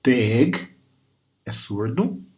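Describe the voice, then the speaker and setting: In this recorded class, a Brazilian teacher speaks English extremely slowly in an animated, mellow, mid-range voice with a Brazilian Portuguese accent. He covers grammar and pronunciation, patiently saying sounds and words over and over as demonstrations.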